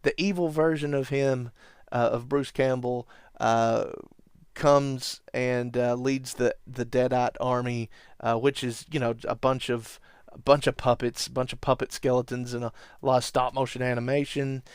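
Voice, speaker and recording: A man hosting a podcast, casually recapping a classic movie in a rambling way, chuckling and sometimes breaking into animated impressions. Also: medium pitch, normal speed, smooth, no room sound, clean studio sound. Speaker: podcast host.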